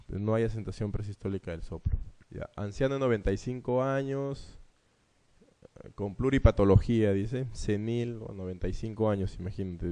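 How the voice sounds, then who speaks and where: Low, mellow-voiced man lecturing. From Peru. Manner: conversational, checks understanding with frequent "¿no?" and "¿ya?". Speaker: medical exam prep lecturer. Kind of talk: explaining exam questions.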